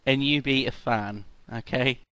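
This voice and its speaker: A man's voice: medium pitch, fairly even intonation, a little slow, pushed and bright, smooth, no room sound. A man co-hosting a podcast, playful and laughing as he directs a comic role-play. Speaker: podcast co-host. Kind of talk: casual comedic chat.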